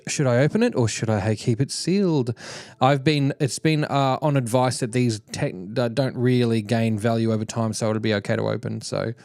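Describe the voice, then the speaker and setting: A man's voice: medium pitch, gravelly, a little mellow, no room sound. A man streaming, chatting casually and laughing often as he opens card packs and reads chat aloud.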